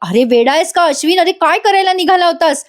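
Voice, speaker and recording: A woman's voice: extremely high pitch, expressive, fairly quick, voice pushed up. A woman voicing a stern, scolding elder brother. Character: protective young man, elder brother.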